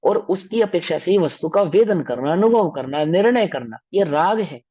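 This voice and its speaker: A man's voice: high voice, animated, moderate pace, mellow, husky, dry recording. A man teaching a scripture study class who explains step by step and keeps asking the class rhetorical questions. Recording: dull, dry recording.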